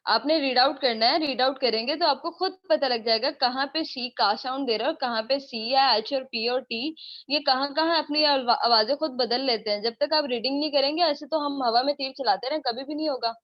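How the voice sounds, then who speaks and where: A young woman teaches English in a live online class, talking briskly and a little scolding as she repeats her points over and over. Her voice sits high. The audio is dull and lo-fi.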